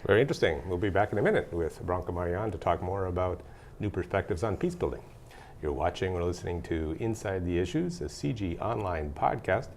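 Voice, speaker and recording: A man hosting an interview podcast, asking questions by summarizing his guest's points in a measured way. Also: low voice, expressive, darkish tone. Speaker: podcast host.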